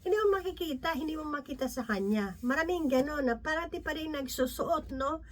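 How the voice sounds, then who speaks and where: Woman preacher, conversational teaching, fairly high voice, slips in English phrases. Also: expressive, a little fast. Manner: conversational, often tags lines with "no?" and "di ba?"; mixes English phrases into her talk. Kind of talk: Bible teaching talk.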